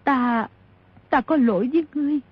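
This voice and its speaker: A woman voicing a former courtesan mother who speaks softly, pleading and emotional. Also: sits high, moderate pace, breathy edge. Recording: dull lo-fi audio.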